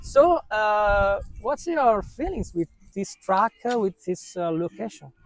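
A man's voice: sits high, sing-song, slow pace, dry recording, low-quality recording. A man, a native Italian speaker, asking interview questions in hesitant, broken English full of fillers.

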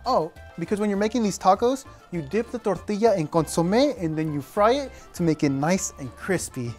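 Lively young man gushing about food. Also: high-pitched, brisk, soft background music. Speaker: sketch comedy actor. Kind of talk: comedic sketch explaining a dish.

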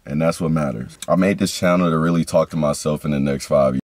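A young man in his twenties with a very low voice, talking slowly and earnestly to his camera. The sound is dry and close, with no room around it. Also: darkish tone, no echo. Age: 20s. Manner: earnest, slow, heartfelt. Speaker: vlogger. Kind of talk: reflective vlog talk to camera.

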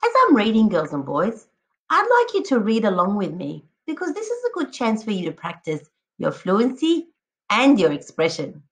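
With a medium-pitched voice that swings enormously in pitch, a woman teacher reads a picture book expressively to children. She speaks to them directly and encouragingly, stretches out emphatic words, and prompts them with questions.

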